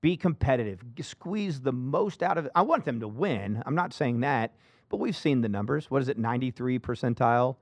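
A man hosting a casual sports talk show, emphatic and animated, often restarting his sentences. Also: mid-range voice, a little fast, no room sound.

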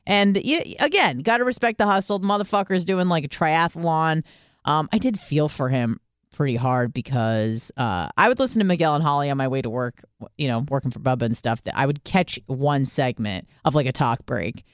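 A woman's voice: low voice, animated, fairly quick, dry recording, clean studio sound. A woman hosting a podcast in casual chat, rambling and swearing as she gossips about a coworker. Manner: rambling, swearing, gossipy, with mocking put-on voices. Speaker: podcast host.

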